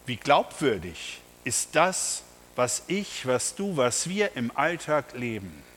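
A man's voice: medium pitch, very animated, slow, fairly bright tone, long reverb tail, slight background noise. A man preaching a sermon, emphatic and speaking straight to his congregation with rhetorical questions. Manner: addresses the congregation directly.

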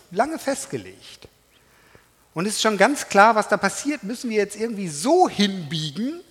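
A middle-aged man preaching a sermon, animated and emphatic, talking straight to his congregation. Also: high voice, husky. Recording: reverberant hall.

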